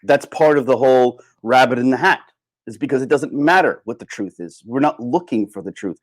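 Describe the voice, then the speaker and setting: This man's mid-range voice is animated and fairly quick as he hosts a livestream, delivering an off-the-cuff opinion monologue. He is emphatic and repetitive, poses rhetorical questions, and keeps restarting his sentences.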